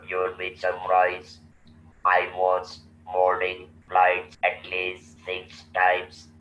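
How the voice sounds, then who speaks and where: Speaking as a guest, a man from India in his sixties recounts a personal story in a low, flat monotone. He moves slowly and deliberately, pausing and restarting his sentences, while the muffled audio feels distant and roomy with a little background noise.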